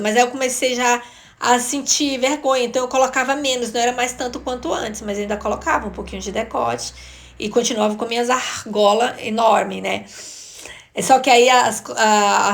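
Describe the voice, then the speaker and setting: A woman in her thirties telling a lively personal testimony to her listeners, often calling out to them directly. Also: mid-range voice, creaky. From Brazil. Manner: animated storytelling, often addresses listeners as "gente". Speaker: intercessor.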